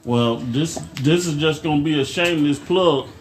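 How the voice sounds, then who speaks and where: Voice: medium pitch, moderate pace, a little hiss or hum. A podcast co-host who cuts in with playful, teasing remarks. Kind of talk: casual podcast discussion.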